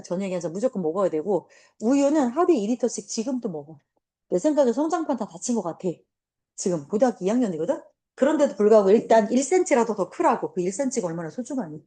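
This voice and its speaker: A woman teacher in her forties telling a class a blunt, animated story, swearing now and then. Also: a little high, slightly rough. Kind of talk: casual classroom talk.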